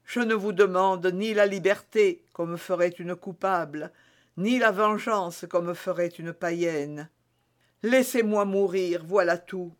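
A man reading aloud, voicing a scheming captive woman who pleads piously and slowly. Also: high voice. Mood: pleading. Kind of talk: audiobook character reading.

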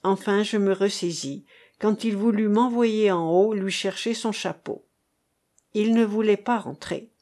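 Woman audiobook reader, slow and measured literary narration. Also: mid-range voice, steady tone, mellow. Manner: measured, unhurried reading.

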